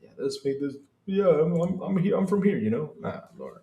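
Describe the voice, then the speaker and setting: A man from the Dominican Republic hosting a casual gaming podcast stream, animated and laughing, moving from loud outbursts to mumbled asides. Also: fairly high pitch, normal speed, creaky, roomy sound, muffled recording. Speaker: podcast host. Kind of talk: casual livestream chat.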